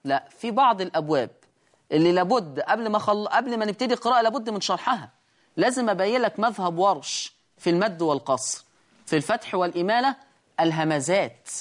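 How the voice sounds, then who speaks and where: A man with an Egyptian accent teaches Quran recitation in a high, light voice. He explains each rule in plain speech, then slows down to chant examples that show it. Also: lively intonation, fairly bright tone. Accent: Egyptian Arabic. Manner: explains rules and demonstrates by chanting examples slowly. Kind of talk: recitation lesson.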